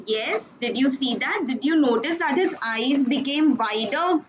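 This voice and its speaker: A high-pitched woman leads an online class for young children, coaxing them along and praising them often. Her voice comes through a dull, muffled video-call line. Steady background noise hums underneath. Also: unhurried. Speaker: teacher.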